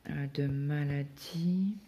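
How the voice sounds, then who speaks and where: Speaking slowly in a warm, low-pitched voice with fairly even intonation, a cross-stitch vlogger from France rambles through casual everyday stories. She uses lots of fillers and is getting over a stomach bug.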